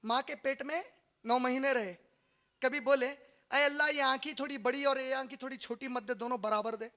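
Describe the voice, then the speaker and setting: A man giving an impassioned religious lecture in a hall, moving from quiet asides to loud cries and putting rhetorical questions to his audience. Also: very high-pitched, steady tone, normal speed. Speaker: preacher.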